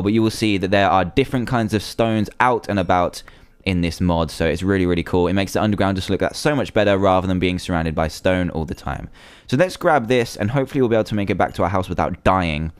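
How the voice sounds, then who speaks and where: A young man talks his way through a survival game in a smooth, clear voice that sits a little low. He chatters casually and slips easily into nervous panic. The sound is dry and close, with no room around it. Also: no room sound. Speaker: gaming video creator. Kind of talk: casual gameplay commentary.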